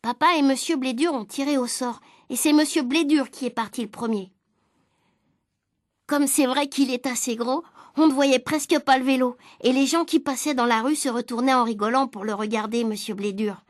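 A woman reading a children's story aloud in the voice of the boy narrator, lively and expressive. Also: sits high, normal speed, dry recording, studio quality.

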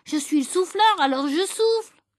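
A woman's voice: very high voice, lively intonation, normal speed, no echo, studio quality, voice pushed up. A woman voicing a cheeky, blunt little schoolboy who answers in an offhand way.

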